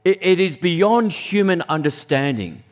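A man gives a lively, conversational sermon at a measured pace, punctuated by sudden exclamations that leap up high.

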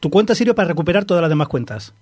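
A man's voice: fairly high pitch, animated, racing, a little mellow, no echo. A man co-hosting a casual podcast, talking in a wry, teasing way. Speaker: podcast co-host. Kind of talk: casual chat.

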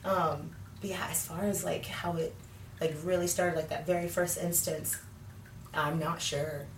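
A candid woman in her thirties tells her faith story in an interview, rambling through fillers with a lowish voice. She sounds a bit far from the mic in an echoey room, with faint ambient noise. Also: fairly even intonation, unhurried. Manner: candid, many fillers, laughs often. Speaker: guest.

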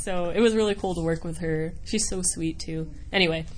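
A lowish, steady voice at a fairly quick pace belongs to an American voice actor from Wisconsin. She answers interview questions casually, chatty and rambling, with a giggly, self-deprecating style, over noticeable background noise.

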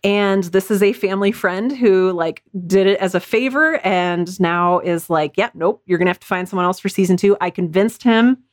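An audio drama podcaster appears as an interview guest, casually and candidly explaining her creative process and offering chatty advice. Her medium-pitched voice moves at a moderate pace with few pauses, captured in a dry, clean studio recording.

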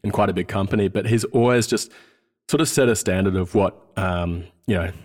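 He speaks fairly quickly in a low, slightly mellow voice: an Australian man in his thirties who was born in New Zealand, guesting on a podcast for a casual interview chat. His speech is hesitant as he looks for the right words.

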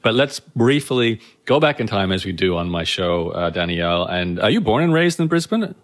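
A very deep-voiced man hosting an interview show, with a Canadian-tinged accent although he is from Australia. He asks friendly, rambling questions in a relaxed, casual tone. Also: normal speed. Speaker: podcast host.

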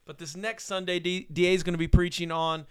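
A middle-aged man with a smooth, clear voice pitched a little high hosts a relaxed talk. He speaks as a pastor, loose and rambling, with a joking warmth of tone and plenty of fillers. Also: fairly quick. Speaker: pastor and podcast host. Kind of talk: casual chat.

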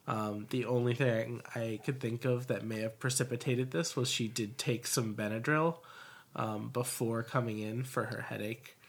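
A man's voice: medium pitch, fairly bright tone. A man, a medical resident, presenting a case in a practice oral exam, hesitating often and restarting his sentences as he thinks. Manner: hesitant, lots of ums and restarts under pressure.

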